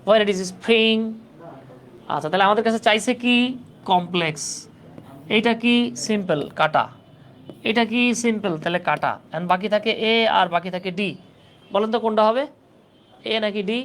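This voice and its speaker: Teacher, live online class, keeps asking if u got it, mid pitch. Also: normal speed, pauses often, fairly bright tone, a little hiss or hum. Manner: patient, repetitive, keeps checking understanding. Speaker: English grammar teacher for job exam prep.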